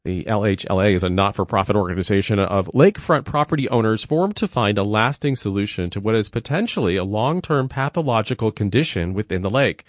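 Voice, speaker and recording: A man's voice: lowish voice, expressive, brisk, hardly any pauses, dry recording. American male radio host, dry studio sound. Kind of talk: scripted radio introduction and interview.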